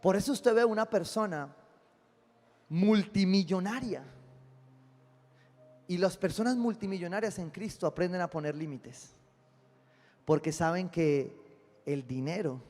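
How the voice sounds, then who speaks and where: A man, a pastor preaching a lively sermon and acting out little dialogues. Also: sits high, long reverb tail. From Colombia. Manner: animated preaching, acting out dialogues with God and listeners. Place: church sanctuary.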